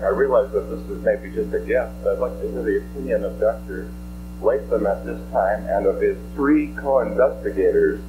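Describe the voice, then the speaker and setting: A man posing a formal, deliberate question as a reporter at a press conference. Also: lowish voice, noisy background. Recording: echoey, humming archival press-room audio.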